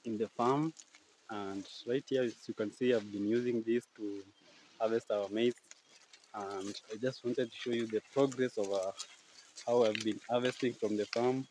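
A man's voice: lowish voice, steady tone, normal speed, darkish tone, poor audio. Upbeat young man vlogging outdoors. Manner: upbeat presenter, eager audience prompts. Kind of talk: casual vlog chat. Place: outdoors on a rural maize farm. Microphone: phone at arm's length. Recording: outdoor farm noise behind.

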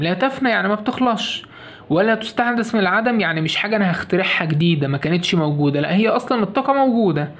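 With a high voice carrying a slight hiss or hum, a man with an Egyptian Arabic accent rushes through a science lesson in class. He poses questions and answers them himself, repeating the key points.

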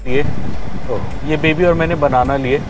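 A man's voice: a little high, fairly even intonation, measured pace, noisy background. A man in his thirties chatting casually as a travel vlogger outdoors on a road trip, mixing English words into his talk. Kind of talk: casual travel vlog narration. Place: outdoors on a road trip, by roadside stalls and a temple.

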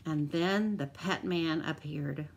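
A woman teacher reading a picture book aloud to children, expressive, with drawn-out emphasis and asides to her listeners. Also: low-pitched, breathy edge.

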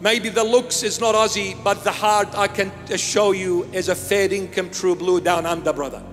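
Holding a handheld mic in a small candlelit church with an altar, an older Iraqi-born bishop delivers a forceful sermon and repeats its key phrases. He speaks at normal speed in a high, steady, slightly bright voice, with big-room sound and faint music behind.

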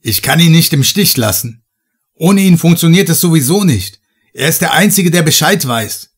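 A man voicing a frightened construction site boss who shouts in a shaky, urgent voice. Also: fairly high pitch, lively intonation, moderate pace, breathy edge, pitched above the performer's own voice.

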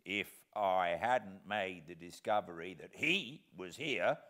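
A man reading aloud and voicing a rough escaped convict who shouts in gruff, scornful defiance. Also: deep voice, animated, takes it slowly, exaggerated voice.

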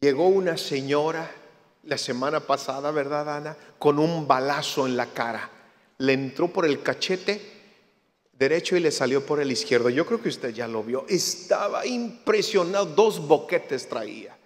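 A man giving a lively church talk, a jokey storyteller who acts out other people's lines. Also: a little high, a little slow. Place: church hall. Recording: reverberant hall.

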